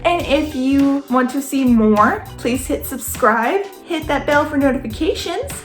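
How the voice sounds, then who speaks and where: A young woman tells a story to camera in a chatty, animated way. Her fairly high voice rings in an echoey room. Faint music plays underneath. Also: measured pace. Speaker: vlogger.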